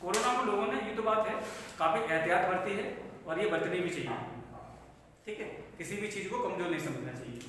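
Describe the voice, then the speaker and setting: A man's voice: sits high, a little fast, a bit bright, slight background noise. A man teaching math to a class, asking questions and joking between points. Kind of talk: classroom lecture. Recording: echoey classroom from far off.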